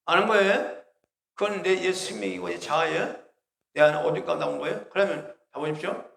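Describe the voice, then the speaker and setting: A male pastor preaches in a church hall, pressing his listeners with rhetorical questions. His voice is high and gravelly, and it rings out in a roomy, echoing space. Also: fairly quick, fairly bright tone. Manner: emphatic, full of rhetorical questions to the congregation. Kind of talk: sermon. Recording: roomy echo.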